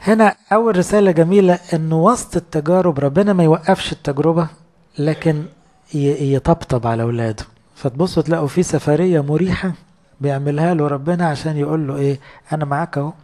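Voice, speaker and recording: Man, Egyptian Arabic accent, priest, sermon, colloquial storytelling, questions to the audience, fairly high voice. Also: quick pace. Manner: explains scripture in lively colloquial storytelling, asking the audience questions.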